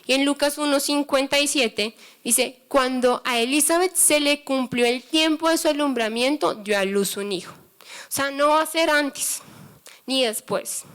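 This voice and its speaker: A woman delivers a sermon in a high, bright-toned voice. She tells stories and acts out the voices in them. Then she turns to urging her listeners to hold on to faith. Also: a little slow. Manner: storytelling with acted-out dialogue, exhorting. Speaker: preacher.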